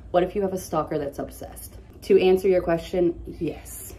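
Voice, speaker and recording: A woman's voice: fairly low pitch, fairly even intonation, normal speed, warm tone, a little hiss or hum. A young woman with a lisp, casually answering follower questions in a candid, blunt vlog.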